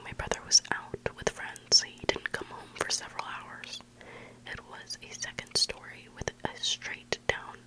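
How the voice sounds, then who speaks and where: Someone reading spooky bedtime stories as ASMR in an intimate, hushed whisper, very close to the microphone, with slow, lingering pauses. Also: low-quality recording.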